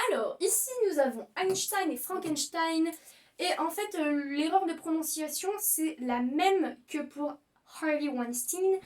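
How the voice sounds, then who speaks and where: A playful young woman hosts a casual explainer video, her voice sitting high and bright. She stresses the mistakes with mock horror. She sounds a little far from the mic, with faint music underneath. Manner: playful, emphatic, exaggerates mistakes. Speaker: YouTuber teaching pronunciation.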